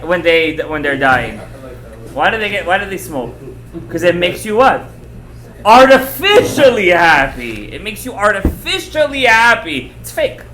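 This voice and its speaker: A man teaching a Torah class as a rabbi, animated and emphatic, repeating phrases, asking rhetorical questions and dropping in Hebrew terms. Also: high-pitched, moderate pace, reverberant. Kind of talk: animated religious lecture to students.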